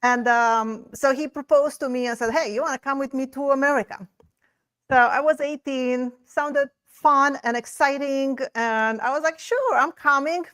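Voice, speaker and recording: A woman's voice: sits high, normal speed, fairly bright tone. A woman from Romania, a guest on an interview show, telling her story in an open, chatty way. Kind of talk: casual interview.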